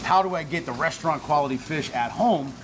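A man's voice: on the high side, brisk. A man in his thirties hosting a cooking show in a restaurant kitchen, talking in an upbeat, effusive way on a lapel mic. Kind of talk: enthusiastic cooking chat. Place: restaurant kitchen with sizzling pans. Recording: kitchen noise and frying sizzle.

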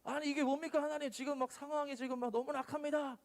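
A man's voice: very high-pitched, flat delivery, fast, pitched above the performer's own voice. A male pastor voicing an exasperated prophet who protests and pleads with God. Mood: protesting.

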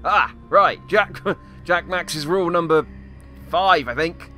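This gameplay commentator pitches his voice on the high side and talks slowly, with a sharp tone and an exaggerated delivery, as a boastful, bungling Australian survivalist whose accent wanders. He rambles playfully through hesitant mock tutorials in improvised comedic commentary, with soft music in the background.

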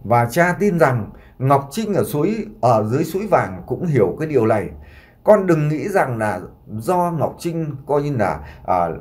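A man's voice: medium pitch, darkish tone, lightly acted. A man voicing a grieving doctor father who imploringly consoles his sick son and takes the blame on himself.

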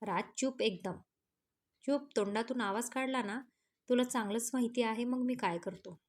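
A woman's voice: on the high side, normal speed, a little hiss or hum, natural voice. A woman voicing a possessive, hot-tempered young husband in a storybook romance, speaking in a raised, demanding way. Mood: angry.

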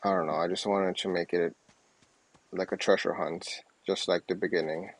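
Low-voiced, hesitant male gamer. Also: fairly even intonation, normal speed, breathy edge, no echo, rough recording. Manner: rambling, hesitant. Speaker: gaming video host. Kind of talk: casual gameplay commentary. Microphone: wireless earbuds.

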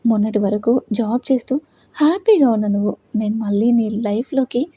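A woman's voice: a little high, normal speed, mellow, husky, no echo. A woman voicing a heartbroken young woman who talks bitterly while laughing through her tears, in a storybook reading. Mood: sarcastic.

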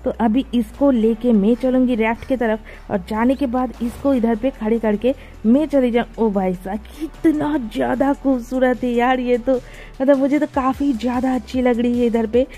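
A woman's voice: fairly high pitch, moderate pace, soft background music. A young woman hosting a gaming channel, giving casual, chatty commentary to her viewers while she plays. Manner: chatty, excitable, talks to viewers while playing.

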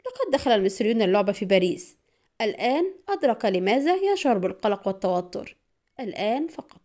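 A woman narrating an audiobook spy thriller in a brisk, dramatic storytelling manner. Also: mid-range voice, big pitch swings, a little mellow.

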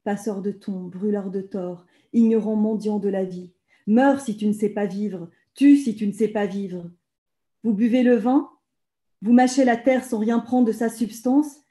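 Woman reading poetry with a dark, mellow voice. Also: mid-range voice. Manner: intense, rhythmic incantatory delivery. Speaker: author reading her work. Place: home room with bookshelves. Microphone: video call laptop mic.

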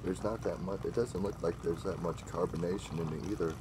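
This drink-mixing vlogger is a young man with a deep, brisk voice, filmed in a small, dimly lit indoor room against background noise. His casual taste-test is rambling and full of self-corrections, turning excitable whenever he takes a sip.

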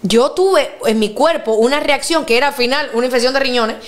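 A woman in her thirties hosting a podcast, chatting casually and acting out the quotes in her stories. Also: a little fast. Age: 30s. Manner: lively storyteller, acts out quotes with big pitch jumps. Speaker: podcast host. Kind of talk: casual chat.

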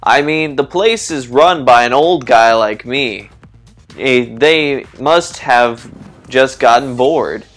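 A man voicing a bored, self-deprecating old man who runs a forum, read plainly at a slow pace. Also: mid-range voice, fairly bright tone, soft background music. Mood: weary.

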